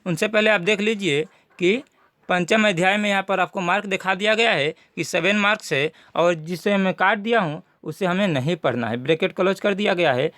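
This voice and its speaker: A man's voice: high-pitched, fairly quick, fairly bright tone, no room sound. A man teaching a class, walking students methodically through a syllabus and repeating key points. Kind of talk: syllabus walkthrough lesson.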